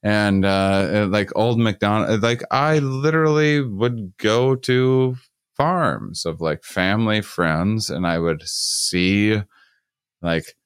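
Deep, slow-talking man with halting speech. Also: clear, resonant tone, dry recording, clean studio sound. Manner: halting, repeats words, many fillers. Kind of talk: casual conversation.

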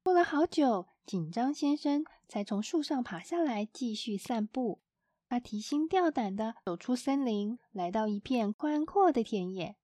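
A woman narrating a children's storybook in a gentle, expressive storytelling manner. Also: fairly high pitch, unhurried, no room sound.

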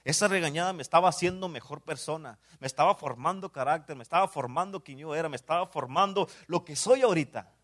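A man with a Mexican Spanish accent preaching a sermon in church, dropping to hushed asides and rising to loud exclamations, often saying amen. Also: fairly high pitch, fast talker, hardly any pauses. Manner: swings between hushed asides and loud exclamations, repeats "amén".

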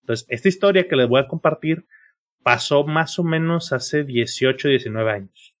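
A man in his thirties with a Mexican accent talks on a podcast. His voice sits at an ordinary pitch. He speaks earnestly to his friends and tags nearly every phrase with slang. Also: moderate pace. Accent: Mexican Spanish. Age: 30s. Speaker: podcast co-host. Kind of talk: casual chat.

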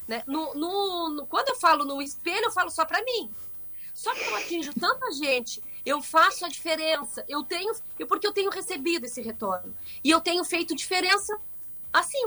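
A middle-aged woman, a guest in an interview who talks expressively and at length, often restarting her sentences. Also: high voice. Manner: expressive, talkative, frequent restarts. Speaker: guest, fashion seller and social media influencer. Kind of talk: animated conversational interview.

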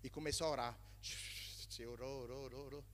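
A man's voice: medium pitch, fairly even intonation, normal speed, fairly bright tone. A male pastor from Brazil preaching a sermon to his congregation in a church in Spain, mixing Spanish words into his Portuguese and calling out to the people. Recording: long reverb of a church hall.

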